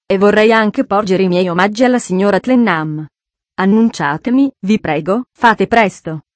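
A loud, sinister Frenchman, as a woman reads him in a storybook. He drawls his words out slowly and theatrically, mocking everyone around him. The sound is dry and close. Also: medium pitch, no echo, natural voice. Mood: boisterous.

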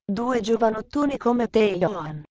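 A woman voicing a firm, commanding wealthy gentleman in a storybook reading. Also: a little high, expressive, normal speed, highs cut off, natural voice.

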